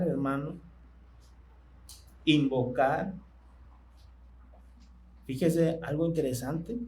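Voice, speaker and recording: A man preaching a sermon in church, speaking conversationally and asking his congregation questions that he pauses to let them answer. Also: mid-range voice, darkish tone, a little hiss or hum, poor audio.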